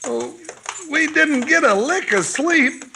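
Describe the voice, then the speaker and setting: A very high-voiced, folksy cowboy sidekick. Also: male voice, lively intonation, takes it slowly, gravelly, pushed and bright, full character voice. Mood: grumbling. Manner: exclamatory, plaintive, folksy. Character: folksy, fretful, comic male cowboy sidekick. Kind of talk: old-time radio Western acting. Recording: noisy 1950s radio recording.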